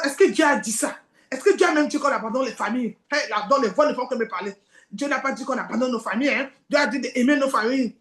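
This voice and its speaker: A woman's voice: high-pitched, fairly bright tone, reverberant. A woman preaching a sermon, acting out the tempting voices in dialogue.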